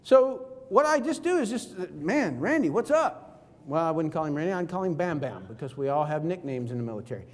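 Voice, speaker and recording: A man giving an energetic, jokey seminar talk on network marketing, acting out phone calls with friends. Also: a little high, quick pace, few pauses. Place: conference hall. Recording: reverberant hall.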